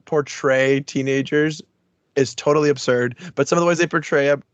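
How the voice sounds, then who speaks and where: Excitable man on a muffled podcast mic. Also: mid-range voice, normal speed, no room sound. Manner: excitable, laughs between thoughts, drifts off mid-sentence. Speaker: podcast co-host. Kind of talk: casual chat. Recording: dull, dry podcast mic.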